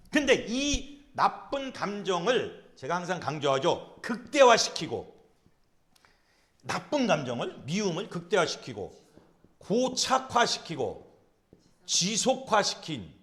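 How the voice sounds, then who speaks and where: A man, a pastor, giving an animated lecture to a class. He speaks emphatically, repeats his key phrases, and acts out quotes in character. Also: high voice.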